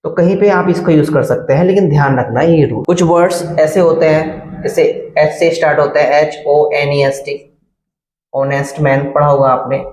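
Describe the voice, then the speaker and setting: A man's voice: a little high, a little mellow, echoey room, low-quality recording. A man teaching an English grammar lesson, spelling words out letter by letter and often checking that his students follow. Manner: repeats key words and asks "clear?" often.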